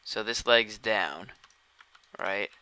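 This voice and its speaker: A man's voice: on the low side, drawn-out words, bright, forceful tone, clear, resonant tone. A tired man streaming a game, chatting casually and thinking aloud as he plays. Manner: rambling, thinking aloud while playing. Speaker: gaming streamer. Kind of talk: casual live-stream commentary.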